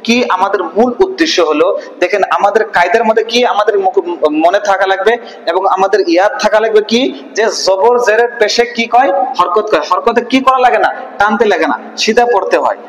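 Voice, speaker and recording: A man's voice: high-pitched, a little fast, fairly bright tone. A man teaching an online Quran reading lesson, drilling letter sounds and quizzing his students with repeated questions. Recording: echoey room with long reverb.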